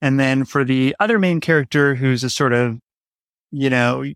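A man who writes audio dramas speaks as an interview guest, reflecting conversationally on his creative work. His medium-pitched voice is fairly bright and smooth at a moderate pace, with studio-quality sound and no echo.

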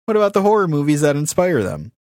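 A man's voice: a little high, very animated, quick pace, darkish tone, no room sound, clean studio sound. A man co-hosting a casual podcast, teasing his co-host in playful banter.

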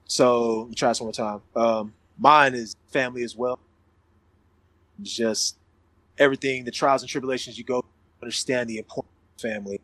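A man's voice: mid-range voice, normal speed, long pauses, dry recording, poor audio. A man hosting a casual chat, talking loosely and plainly, his voice coming through a group online voice call. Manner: relaxed, loose talk with profanity. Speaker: podcast host.

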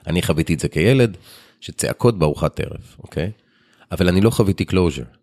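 A man's voice: sits low, expressive, creaky, darkish tone. A man in his forties hosting a podcast, chatting casually and telling personal stories in colloquial speech. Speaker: podcast host. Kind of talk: casual chat.

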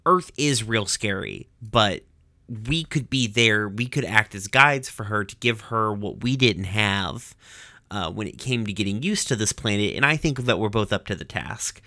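A man's voice: fairly low pitch, animated, moderate pace, pushed and bright, no echo, clean studio sound. A man voicing an earnest, nerdy female alien who speaks reassuringly about adjusting to a new planet.

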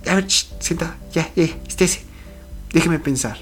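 A man voicing a flustered teenage girl who stammers and rushes her questions. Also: fairly high pitch, a bit bright, faint music behind, voice pushed up. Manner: stammering, breathless rush of questions.

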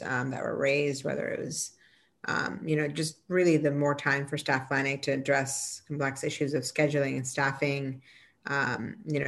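A woman with a low voice walks through updates in a casual civic discussion. She keeps a steady, conversational pace, filling pauses with "um" and "you know". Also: vocal fry. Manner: laughs and jokes about being tired. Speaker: mayor, co-host.

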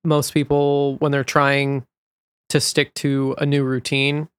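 A man's voice: mid-range voice, completely flat delivery, slow pace, clean tone, no room sound. A man hosting a podcast, talking in a reflective, encouraging casual chat. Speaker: podcast host.

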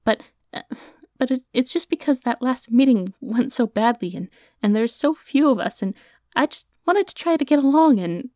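A woman's voice: sits high, animated, moderate pace, dark tone, no echo, clean studio sound. An actress playing an awkward, earnest young woman with magic, rambling and hesitant as she records herself in an audio drama. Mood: flustered. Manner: rambling, hesitant, stammering when flustered.

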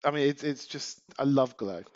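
A man's voice: mid-range voice, moderate pace, muffled recording. A man co-hosting a casual chat podcast, joking and swearing and often trailing off mid-sentence. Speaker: podcast co-host.

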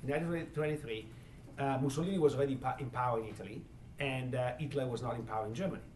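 A man with a strong foreign accent, a professor speaking haltingly as he searches for words in a discussion. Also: mid-range voice, a little mellow. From immigrant, from abroad. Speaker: university professor, event host. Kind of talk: panel discussion, answering audience questions. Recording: echoey room, distant mic, faint noise.

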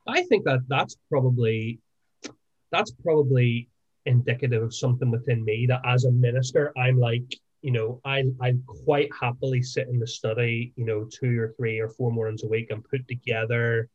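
A man with a Northern Irish accent, a minister co-hosting a podcast, talks in a reflective, self-deprecating and rambling way during casual podcast chat. His voice is mid-range and a little mellow, and the sound is lo-fi.

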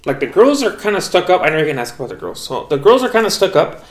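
A man's voice: high voice, sing-song, rapid-fire. A young man co-hosting a podcast, telling loose, profane travel stories in casual chat and acting out the people he quotes. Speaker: podcast co-host. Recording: echoey room.

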